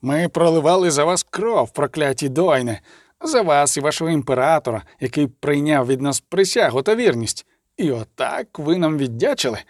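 A man's voice: a little high, expressive, normal speed, no echo, studio quality, lightly acted. Man playing a furious, betrayed elf officer.

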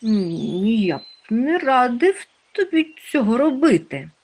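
A woman voicing a calm, gentle male storybook wanderer who soothes and advises. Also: fairly low pitch, takes it slowly. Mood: soothing.

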